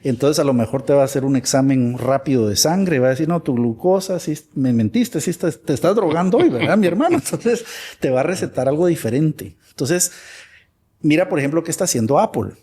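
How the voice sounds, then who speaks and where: Interview guest: a man from Guatemala with a husky voice, animated, acting out little dialogues. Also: a little high, fairly quick. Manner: animated, acts out imagined dialogues. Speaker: guest expert. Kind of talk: conversational interview.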